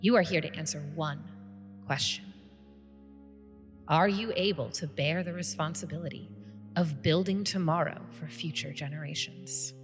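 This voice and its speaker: A woman's voice: sits low, moderate pace, lightly acted. A woman voicing a grand female guild leader who gives a ceremonious, commanding speech in a tabletop game. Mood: stately. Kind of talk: tabletop game role-play. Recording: long reverb, faint music behind.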